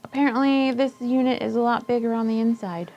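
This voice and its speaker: A woman's voice: a little high, fairly even intonation, a little fast, a little mellow, lo-fi sound, soft background music. A woman chatting casually as a tabletop game player, asking questions and talking through her options.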